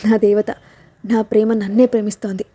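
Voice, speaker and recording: A woman's voice: mid-range voice, steady tone, a little fast, dark tone, breathy edge, no echo, close to an everyday voice. A woman reading the lines of an intense, possessive young man in love in an audio story. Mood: overjoyed. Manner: fierce, then tender.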